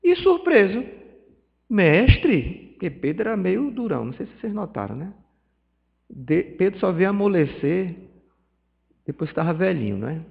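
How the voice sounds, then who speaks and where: His voice sits high, sing-song and creaky, at normal speed, as he lectures a spiritist study group in a centre's meeting hall. A Pernambuco Portuguese speaker from Northeast Brazil, he acts out dialogue and builds emotional swells, with a dull, reverberant hall recording.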